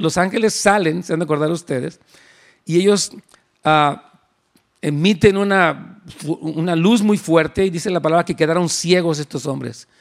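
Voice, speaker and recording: Man, preacher, high-pitched, chatty storytelling sermon. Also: vocal fry. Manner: conversational storytelling, addresses listeners as brothers. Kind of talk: sermon, Bible teaching.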